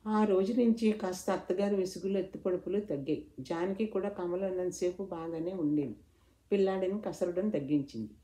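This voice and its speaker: Brief: woman storyteller, low pitch, very mellow dark tone, measured scripted narration.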